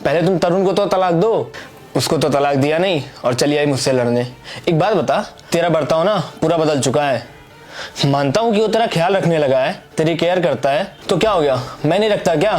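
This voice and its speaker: A man's voice: fairly high pitch, expressive, brisk, darkish tone, faint music behind, close to an everyday voice. A man playing a jealous, hot-tempered lover. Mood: irritated. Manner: irritated, argumentative. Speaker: actor. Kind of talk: Hindi web skit acting.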